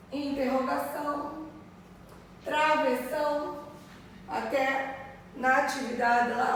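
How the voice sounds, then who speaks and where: Woman, teacher, slow patient explaining, distant mic, long reverb, faint noise. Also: high-pitched. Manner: patient, repeats words, checks in with "tá?" and "certo?". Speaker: primary school teacher. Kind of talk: recorded remote grammar lesson. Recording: echoey room, voice far from mic, faint noise.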